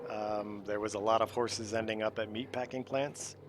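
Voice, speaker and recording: A man's voice: lowish voice, little pitch movement, normal speed. A man from the United States, streaming and chatting casually, easygoing and rambling with lots of fillers. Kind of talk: casual chat. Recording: faint background noise.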